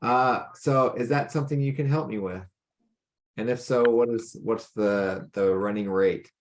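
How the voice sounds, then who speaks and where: A man's voice: mid-range voice, measured pace. A man chatting and improvising as a player in a tabletop role-playing game. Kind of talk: casual improvised game chat.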